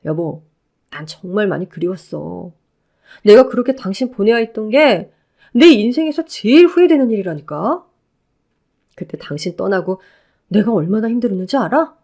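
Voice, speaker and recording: A woman's voice: medium pitch, expressive, normal speed, dark tone. A woman voicing a wheedling, self-pitying ex-husband who begs his former wife to take him back, in a Korean audio drama. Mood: pleading. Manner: pleading, whiny.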